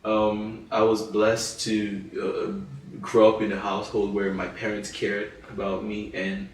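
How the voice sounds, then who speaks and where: A French-speaking man from Cameroon co-hosts a casual podcast discussion, earnest and thoughtful, full of you-knows and restarts. His fairly low voice is completely flat and a little slow. He sits far from the mic in an echoey room.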